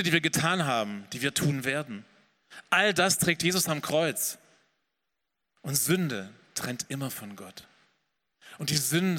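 A man preaching a sermon as pastor, earnest and swelling then dropping soft. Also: medium pitch, long reverb tail. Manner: earnest preaching, rising and falling in intensity.

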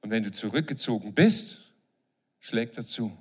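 A man's voice: on the low side, a little slow, husky. A man preaching a sermon to a live congregation, joking and asking the audience questions. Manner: lively, jokes and asks the audience questions.

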